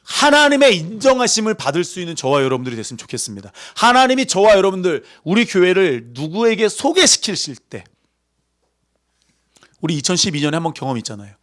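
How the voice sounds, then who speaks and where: Lively Korean man preaching. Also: high voice, fast talker. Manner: lively, conversational preaching that acts out voices. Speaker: pastor. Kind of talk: sermon.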